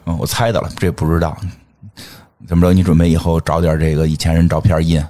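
A man's voice: low-pitched, steady tone, fairly quick, dark tone. A middle-aged man with a Beijing accent chatting casually and colloquially as a podcast host, joking and repeating his phrases. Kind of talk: casual chat.

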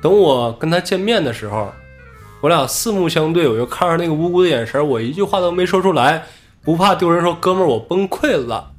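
A man casually telling a story from his own life on a podcast, animated and acting out what others said. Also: a little high, a little fast, soft background music. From Inner Mongolia.

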